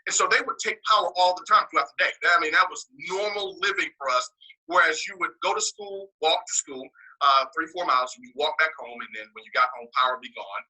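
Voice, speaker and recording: Born in the US and partly raised in Nigeria, this man delivers a brisk morning sermon to his congregation in a slightly high, husky, breathy voice, driving each line with forceful emphasis. He hammers key words through repetition and tosses in jokes, all on a low-quality recording.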